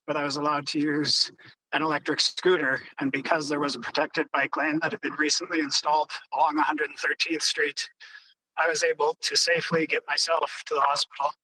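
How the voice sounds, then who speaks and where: A man's voice: a little high, bright, forceful tone, no echo. A man calling in on a car hands-free phone while driving, speaking earnestly and directly at a public hearing. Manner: earnest and direct, with some restarts. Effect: car hands-free phone call. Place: in a moving car. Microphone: car hands-free device.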